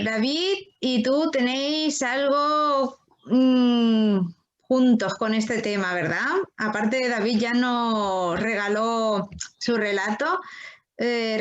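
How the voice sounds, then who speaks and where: A woman hosting and interviewing for a magazine, casual and expressive. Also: a little high, slow, lo-fi sound.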